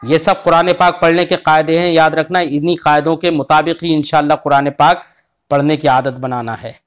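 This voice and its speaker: A man teaching Quran recitation rules in an online lesson, explaining patiently and drawing out the example words slowly. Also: on the high side, fairly even intonation, clear, resonant tone.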